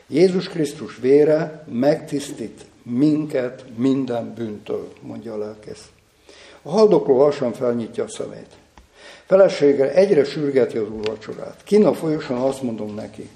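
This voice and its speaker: A male preacher talks in a dark, gravelly voice, solemn and unhurried. He reads a story aloud and then leads a prayer. The sound carries the echo of a reverberant room. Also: medium pitch. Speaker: pastor. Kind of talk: sermon reading and prayer.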